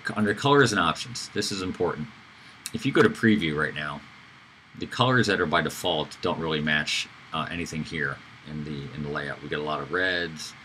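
Deep-voiced man walking through a tutorial. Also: bright, forceful tone, a little hiss or hum, low-quality recording. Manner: casual, with fillers and self-corrections. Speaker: instructor. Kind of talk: screen-recorded software tutorial.

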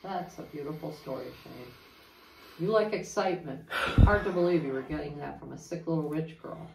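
Woman as skeptical female detective, low pitch, accusatory, sardonic, crime drama, roomy recording with some noise. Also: normal speed, vocal fry. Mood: accusing. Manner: blunt, sardonic, pressing. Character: blunt, skeptical, accusatory female police interrogator. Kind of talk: audition scene reading, crime drama. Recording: roomy echo, noticeable noise, off-camera reader.

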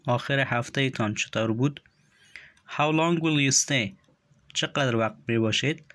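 A man teaching English phrases one by one, saying each slowly and clearly and then translating it more quickly. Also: medium pitch, a bit bright, no echo. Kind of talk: slow phrase-by-phrase language lesson.

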